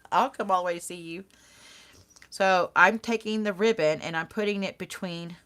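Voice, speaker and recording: A woman's voice: fairly low pitch, measured pace, fairly bright tone. A woman hosting a live card-making demonstration, chatting casually with her viewers and teasing herself as she works. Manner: self-teasing, laughs at herself. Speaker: card-making channel host.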